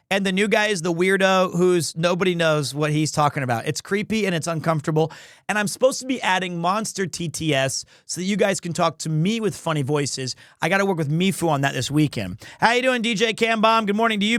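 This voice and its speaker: A man who is an amateur voice actor hosts a livestream, chatting casually with viewers in a rambling, playful way. His voice sits high and a bit bright. The recording has no room sound and is studio quality.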